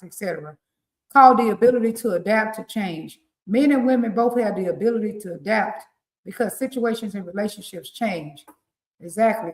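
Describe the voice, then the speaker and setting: A woman with a rural Southern US accent, co-hosting a casual live-stream morning show as a relationship coach and giving lively, preachy advice with frequent laughs. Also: mid-range voice. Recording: roomy echo.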